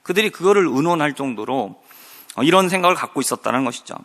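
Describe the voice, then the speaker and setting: Bright, lively male pastor in a reverberant hall. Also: a little high. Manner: explains the story step by step, asking rhetorical questions; slows and lifts his voice to voice the quoted cries. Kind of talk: sermon. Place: church sanctuary. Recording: hall reverb of a church service broadcast.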